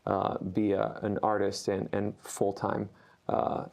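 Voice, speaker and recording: Man, from rural Ohio, interview guest, flat, relaxed, halting. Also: fairly low pitch, vocal fry. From rural Ohio, USA. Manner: relaxed, halting, many fillers. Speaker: guest musician. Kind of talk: casual interview talk.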